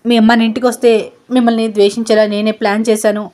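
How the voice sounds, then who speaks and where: A woman voicing an obsessive young woman who keeps pleading and apologising, in a flat, even tone. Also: fairly high pitch, fast, lightly acted. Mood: desperate.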